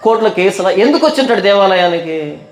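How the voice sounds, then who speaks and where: A man's voice: high-pitched, expressive, fast talker. A male pastor preaching a Bible study sermon, firing off rhetorical questions and stretching words for emphasis. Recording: echoey room.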